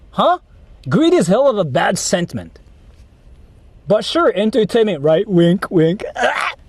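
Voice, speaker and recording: Rambling, repetitive and a bit profane, a Japanese livestream host talks casually to the people watching. His voice is high yet darkish in tone, with a slightly rough edge.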